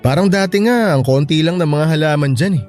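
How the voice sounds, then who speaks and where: In an audio love drama, a man plays a devoted, sentimental boyfriend, sounding fond and chatty as he talks affectionately. His fairly high, darkish voice moves briskly and is close to an everyday voice, with a music bed underneath.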